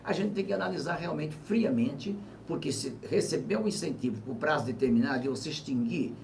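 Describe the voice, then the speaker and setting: A man in his seventies, a former governor, talks through politics in an interview, reflective and measured with emphatic bursts. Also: a little high, darkish tone. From Brazil. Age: 70s. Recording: distant mic with faint ambient noise.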